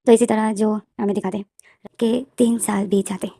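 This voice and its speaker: A woman's voice: medium pitch, flat delivery, normal speed, gravelly, mellow, husky, no echo, clean studio sound. A woman retelling her own fan story in a long, run-on narration full of fillers. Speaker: fanfiction storyteller.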